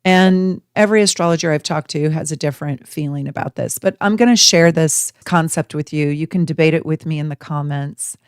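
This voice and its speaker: A woman astrology host teaching her viewers, talking them through ideas with drawn-out emphasis and rhetorical questions. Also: sits low, clear, resonant tone, no room sound, clean studio sound.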